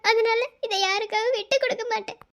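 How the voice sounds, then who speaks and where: A woman's voice: very high-pitched, expressive, moderate pace. A woman voicing a young pregnant wife in a cartoon love story, tearful and pleading as she waits for her husband to come home. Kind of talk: cartoon voice acting.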